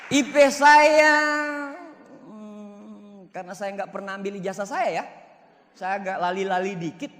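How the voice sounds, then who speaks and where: A man's voice: high-pitched, a little slow, pauses often, slight background noise. Man speaking in a reverberant hall. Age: 40s. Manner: animated, boastful, jokey, shifts loud and soft. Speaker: motivational speaker. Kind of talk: seminar success talk. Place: large hall.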